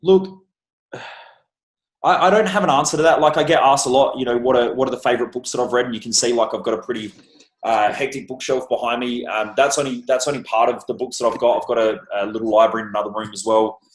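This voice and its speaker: A man's voice: mid-range voice, steady tone, fast, roomy sound, low-quality recording. A man in a casual podcast interview, talking bluntly and emphatically as a success coach, swearing freely. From Australia. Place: room with a bookshelf.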